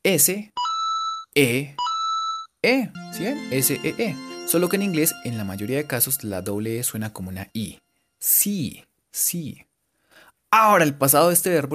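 A man giving a casual, joking English lesson and repeating English words slowly for his students. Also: mid-range voice. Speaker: English teacher. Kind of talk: casual bilingual language lesson.

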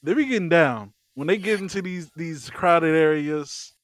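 A man co-hosting a podcast talks in a fairly high voice, chuckling between halting, stretched-out phrases. His recording is dry and close, with no room sound around it. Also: no room sound. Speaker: podcast co-host. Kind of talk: casual chat.

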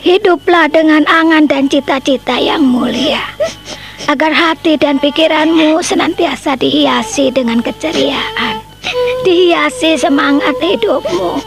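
An actress playing a gentle old grandmother in a radio drama, speaking in a slow, soothing voice. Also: high-pitched, music in the background. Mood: tearful comfort. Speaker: grandmother character.

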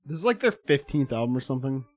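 A man's voice: medium pitch, very animated, fast, a little mellow, no echo. A man casually chatting about metal albums on a podcast, laughing often and reading review quotes aloud with animation. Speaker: podcast co-host. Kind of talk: casual music review chat.

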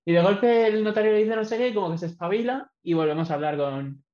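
A man with a high voice talks quickly and casually about a film, meandering and hedging in a laid-back manner. The recording is echoey, with a dull lo-fi sound.

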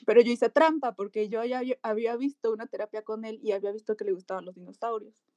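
A woman with a Mexican accent, a physiotherapist telling a lively story in an interview and acting out voices. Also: a little high, quick pace, dry recording, muffled recording. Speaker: pediatric physiotherapist.

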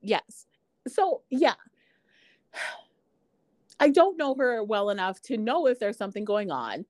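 A young woman on a podcast whose pitch swings widely as she acts out little scenes with dry humor. Her voice sits mid-range and sounds dry and close-miked. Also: very animated, takes it slowly, darkish tone, no echo. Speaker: podcast co-host. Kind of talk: casual podcast chat.

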